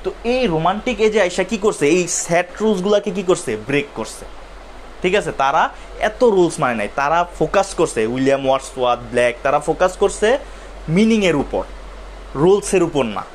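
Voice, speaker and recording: Young man, literature teacher in a live class, higher-pitched voice, faint background hiss. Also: lively intonation, fairly quick. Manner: explains step by step, asks and answers his own questions.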